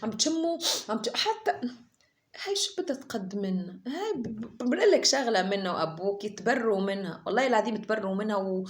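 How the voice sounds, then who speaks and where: Woman vlogger ranting quick, fired up, swears by god every few lines. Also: medium pitch, expressive. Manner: indignant, emphatic, repeats oaths. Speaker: YouTuber commenting on other channels. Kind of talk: casual rant to camera.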